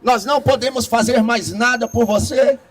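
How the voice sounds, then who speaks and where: A man's voice: very high voice, moderate pace, fairly bright tone, soft background music. A man voicing a grave royal physician who speaks in a solemn, matter-of-fact way. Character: grave royal physician delivering bad news.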